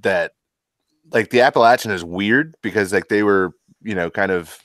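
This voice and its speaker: A man's voice: on the low side, moderate pace, a bit bright, dry recording. A man co-hosting a podcast, rambling and amused, with plenty of fillers in casual chat.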